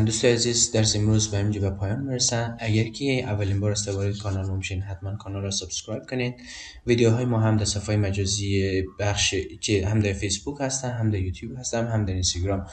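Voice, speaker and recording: A man with an Afghan Dari accent explains basic English grammar in a patient, repetitive way, stopping often on hesitations. His voice sits fairly low, picked up from a distance in a room with a noticeable echo. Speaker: English teacher. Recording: roomy echo, distant mic.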